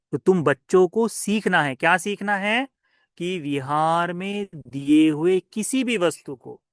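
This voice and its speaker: A Buddhist monk telling a teaching story to children, his voice fairly high for a man. He keeps asking his listeners questions and answering them himself. The sound is dry and close. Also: no echo.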